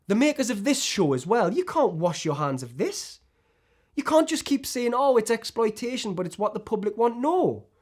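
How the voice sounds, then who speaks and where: A man with a high voice performs a dramatic screen monologue as a disillusioned, self-loathing celebrity actor, sardonic and emotionally exposed.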